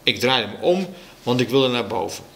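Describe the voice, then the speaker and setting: A man reading a children's book aloud with slow, expressive storytelling. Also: medium pitch, creaky.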